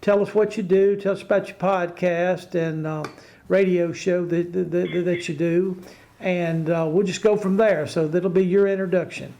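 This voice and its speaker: A man hosting a casual sports talk show in a halting, stammering way, often repeating his words. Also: high-pitched, steady tone, warm tone.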